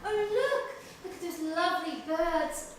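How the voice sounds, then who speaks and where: A woman's voice: extremely high pitch, lively intonation, a little slow, slight background noise. An actress playing a refined, anxious upper-class mother, genteel and clipped, on stage. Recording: echoey stage from far off.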